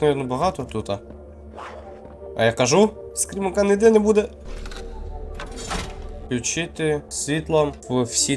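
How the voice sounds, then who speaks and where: A Ukrainian man giving excitable, jumpy commentary while he plays a horror game and mutters to himself. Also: a little high. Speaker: gamer playing a horror game. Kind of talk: live gameplay commentary. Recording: game music playing underneath.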